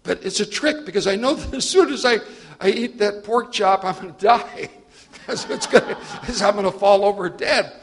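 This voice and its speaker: A preacher playing an anxious, bewildered apostle who stammers and repeats himself. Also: male voice, high-pitched, moderate pace, voice pushed up. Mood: agitated. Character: anxious, bewildered male apostle, self-righteous.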